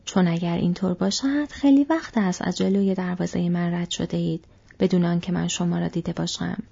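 A woman voicing a stout, red-faced male hobbit farmer who is gruff but hospitable and talks loudly and heartily. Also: lowish voice, steady tone, highs cut off. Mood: hearty. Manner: loud, hearty, talkative.

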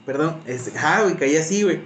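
A young Mexican man with a Mexican accent, telling a story in casual chat, slangy and animated, saying güey constantly. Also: a little high, fairly quick, reverberant, a little hiss or hum.

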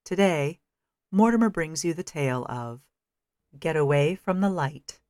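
A woman narrating a first-person story in a measured, dryly wry manner. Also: low-pitched, expressive, a little mellow.

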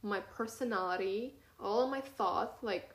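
A woman's voice: medium pitch, unhurried, vocal fry. Chatty teenage girl podcasting, echoey room. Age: teens. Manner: chatty, rambling, many fillers and "you know". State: talking through a sore cut cheek from braces. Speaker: podcast host. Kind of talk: casual solo podcast monologue.

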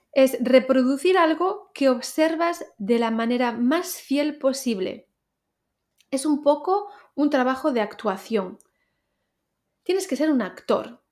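A woman hosts a pronunciation lesson podcast, her voice sitting a little high. She teaches in a clear, deliberate way, addressing the listener directly. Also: darkish tone.

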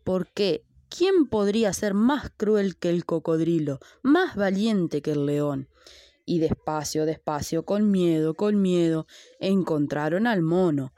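A woman's voice: lowish voice, lively intonation, slow, warm tone, no echo, studio quality. A woman reading a children's story aloud with rhythmic repeated refrains.

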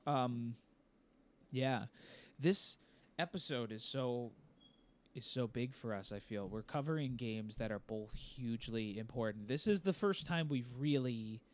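A man's voice: mid-range voice, a little slow. A young adult man co-hosting a casual gaming podcast, talking in a rambling, self-deprecating, jokey way. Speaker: podcast co-host.

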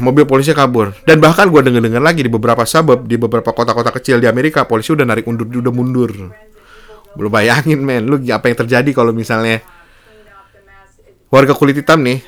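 A young man, telling a story in a casual monologue and voicing the people in it with a raised voice. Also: a bit bright. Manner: slangy Jakarta-style speech, acts out quotes in a high voice.

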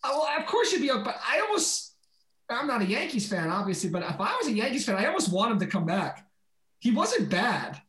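A man co-hosting a casual sports podcast, teasing his friends with quick, animated talk. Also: very high voice, reverberant. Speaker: podcast co-host.

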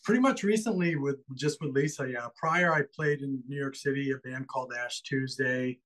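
A man from Ecuador talks easily as an interview guest, at a middle pitch. His speech is friendly and relaxed, and he pauses now and then to find his words. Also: poor audio. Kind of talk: casual interview conversation.

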